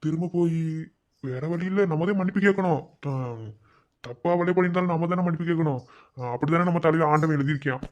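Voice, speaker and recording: A man's voice: fairly high pitch, fast talker, lightly acted. A man voicing a hot-tempered, clumsy young village husband in a cartoon, whining and pleading, with a Madurai accent. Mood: grumbling. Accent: Madurai Tamil. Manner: pleading, whiny apologies.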